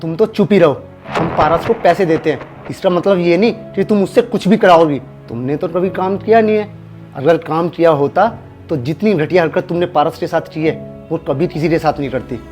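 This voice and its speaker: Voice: mid-range voice, moderate pace, a little mellow, soft background music, natural voice. A performer acting a husband who firmly reasons and defends the servant in a short drama skit. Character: husband, a fair-minded office-going man. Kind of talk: scripted Hindi skit acting.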